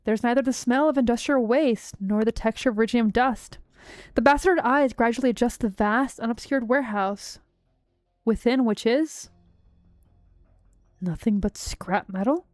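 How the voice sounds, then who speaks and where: A woman streamer chatting casually and reading a game story aloud, excitable and jokey. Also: a little high, moderate pace, no echo, clean studio sound, soft background music.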